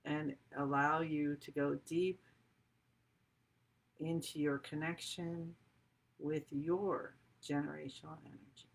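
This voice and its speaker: A woman leading a guided qigong meditation in a soothing, gently encouraging and informal, conversational way. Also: deep voice, little pitch movement, slow pace, creaky, long pauses, poor audio. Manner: informal, self-correcting. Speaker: qigong group meditation leader.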